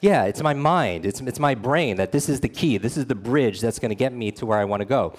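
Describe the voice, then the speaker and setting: A man delivers a motivational talk built around a personal story. His voice sits at an ordinary middle pitch. He speaks earnestly and keeps turning to the audience with quick questions. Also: expressive. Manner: earnest, speaks straight to the audience with frequent "right?". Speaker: speaker at a meetup.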